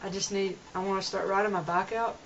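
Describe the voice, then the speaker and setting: A woman's voice: medium pitch, steady tone, fast talker, a bit bright, slight background noise. A young woman talking earnestly in a casual vlog, rambling and restarting her sentences, recorded on a camera mic at home. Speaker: vlogger. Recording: dull lo-fi home video.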